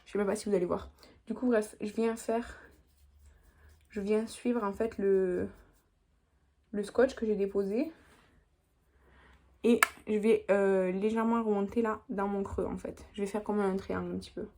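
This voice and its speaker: A woman's voice: medium pitch, steady tone, moderate pace, long pauses, warm tone. A young woman, chatting casually through a makeup tutorial as she works. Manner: chatty, talks while working, lots of little "hop"s. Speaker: beauty vlogger.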